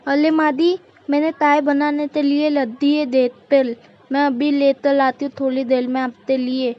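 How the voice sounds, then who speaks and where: A woman's voice: sits high, flat delivery, moderate pace, natural voice. A woman voicing a young daughter-in-law in a cartoon who speaks with a heavy childlike lisp, timid yet answering back. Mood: pleading. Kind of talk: cartoon voice acting. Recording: dull lo-fi recording.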